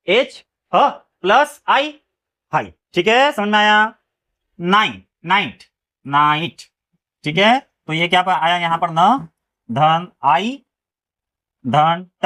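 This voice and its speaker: Man, high-pitched, phonics teacher, spells words letter by letter, quizzing students. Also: pushed and bright. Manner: spells words letter by letter, keeps asking "clear?". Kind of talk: phonics lesson.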